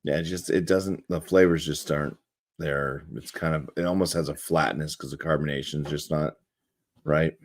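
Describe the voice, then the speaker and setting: A man giving a casual spoken beer review, measured and hesitant as he weighs his words. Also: a bass voice, fairly even intonation.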